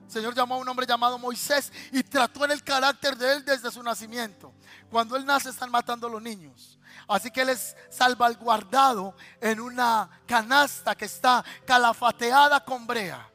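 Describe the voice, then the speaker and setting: A Colombian male pastor preaching a sermon, telling stories in a lively, colloquial way and speaking straight to his listeners. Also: very high voice, normal speed, faint music behind. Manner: storytelling, lively and colloquial, addressing listeners directly.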